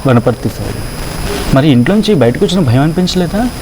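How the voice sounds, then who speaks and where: A man's voice: on the high side, very animated, a little fast, a little mellow, a little hiss or hum. A man working as a TV anchor, speaking in an earnest, emphatic and consoling way as he presents the story and questions his guest. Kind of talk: emotional news presentation and interview.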